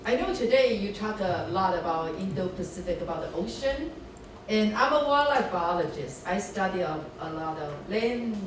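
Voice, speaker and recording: A woman moderates a lecture Q&A, heard from far off in a very echoey classroom. Audible room noise sits behind her voice. She is hesitant at times and searches for words. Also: lowish voice. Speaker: moderator and wildlife biologist.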